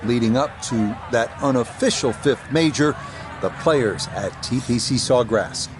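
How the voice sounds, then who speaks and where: A man working as a golf play-by-play commentator, calling putts and setting up each hole in a measured way. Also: medium pitch, background noise.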